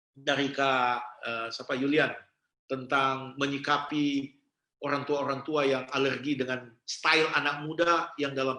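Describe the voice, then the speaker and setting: A man giving a seminar talk, telling lively stories and slipping into character voices. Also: fairly high pitch. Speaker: youth seminar speaker, pastor. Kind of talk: seminar talk with acted anecdotes. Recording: roomy echo.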